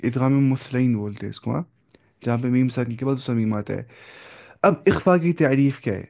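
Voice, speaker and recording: A man teaching Quran recitation in a relaxed classroom lesson, with a medium-pitched voice. He explains each rule conversationally and drops in English terms. He keeps asking "okay?" and slows down sharply to model each recited example. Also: gravelly. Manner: explains in conversational Urdu, often checks understanding with "okay?"; mixes in English words.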